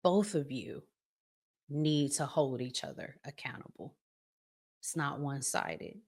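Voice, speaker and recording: Low in pitch with a darkish tone, this woman speaks at a measured pace. An American relationship advice channel host, she offers casual, emphatic, colloquial advice, drawing out key words and performing little acted-out scenarios.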